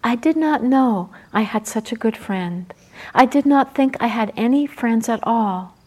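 Woman playing a monkey, male, mischievous yet sorry, soft, storybook. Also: a little high, expressive, a little slow. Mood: remorseful.

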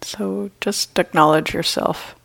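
A female meditation teacher guides a session, her gentle, unhurried speech broken by long pauses. Her voice sits lowish with a creaky quality, and her intonation stays fairly even.

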